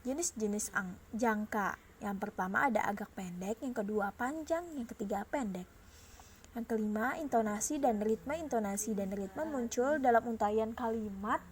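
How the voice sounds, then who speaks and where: Young woman, Indonesian accent, student reading notes, slightly high voice, faint hiss. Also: moderate pace. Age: young adult. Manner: careful reading with small slips and restarts. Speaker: student presenter.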